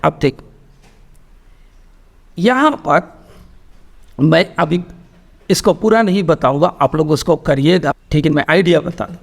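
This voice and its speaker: A man with an Indian English accent teaching a spoken English class, explaining slowly and repeating words, with lively rises in pitch. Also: vocal fry.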